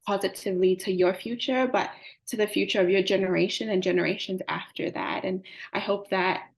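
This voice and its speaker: A young woman, sitting for an interview. She talks earnestly and fluently, at an ordinary middle pitch, with casual fillers woven through her answers. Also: steady tone, fairly quick, gravelly. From Samoa. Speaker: climate advocate guest.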